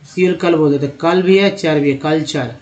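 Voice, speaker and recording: A man's voice: on the high side, moderate pace, a little mellow. Man teaching spelling by word parts. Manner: breaks words into parts, repeating syllables. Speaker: English reading teacher. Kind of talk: slide-based spelling lesson. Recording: dull lo-fi sound.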